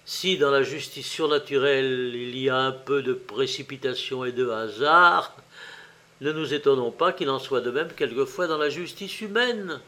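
A man narrating a literary tale, reading slowly and expressively with wide swings in loudness. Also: medium pitch.

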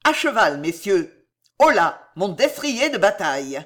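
A reader voicing a valiant noble marshal who commands his men with booming shouts, in a storybook reading. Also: big pitch swings, unhurried. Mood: commanding.

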